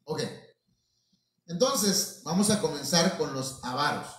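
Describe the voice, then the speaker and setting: A man with a fairly high voice preaches a sermon, calling out to his brothers and often repeating a word before he finds the next. He sounds set back from the microphone in a very echoey church hall. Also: expressive, takes it slowly, fairly bright tone. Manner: addresses listeners as brothers, repeats and restarts words. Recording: very echoey room, mic at a distance.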